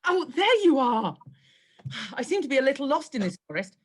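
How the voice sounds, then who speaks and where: A woman as a high-voiced swaggering panto hero. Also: big pitch swings, moderate pace. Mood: polite, flustered. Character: polite, flustered young male royal in pantomime. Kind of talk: broad pantomime acting.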